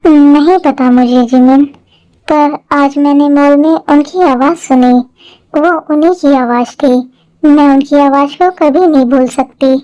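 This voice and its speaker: A woman's voice: sits high, fairly even intonation, unhurried, mellow, no room sound, dull audio. A woman voicing a lovesick, wistful young woman in a fan-made dubbed drama.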